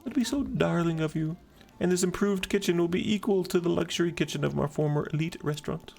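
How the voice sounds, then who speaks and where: A man voicing a melodramatic, self-pitying refugee woman who once ran a posh kitchen, in a gushing falsetto. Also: quick pace, creaky, darkish tone.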